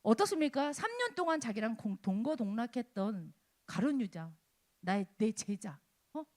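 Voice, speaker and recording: A woman delivers a sermon with high, bright pitch that swings widely. She presses her points with rhetorical questions and surges of loudness before dropping back to a low, quiet register. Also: big pitch swings, moderate pace. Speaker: preacher at a college-group worship service. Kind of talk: animated sermon.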